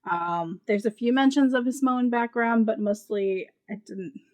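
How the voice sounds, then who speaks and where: A book reviewer talks through her thoughts in a casual spoken review, her sentences loose and rambling. Her voice is fairly high with a darkish tone, and she speaks at a normal speed.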